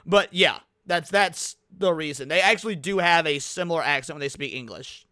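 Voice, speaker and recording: High, smooth-voiced male livestream host. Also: normal speed, bright, forceful tone, no room sound, clean studio sound. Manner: blunt, profane, many fillers and restarts. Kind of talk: casual live reaction commentary.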